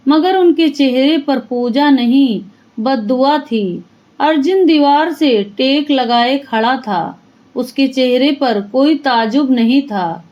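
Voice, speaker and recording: A woman narrating a dramatic family story in the first person, with steady, emotional storytelling. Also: sits high, lo-fi sound.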